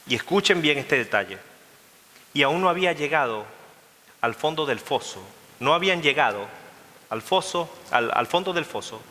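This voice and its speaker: A male pastor preaching a sermon, retelling a scripture story in a lively way and asking the congregation questions. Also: fairly high pitch, normal speed, pauses often. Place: church sanctuary. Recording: long church reverb.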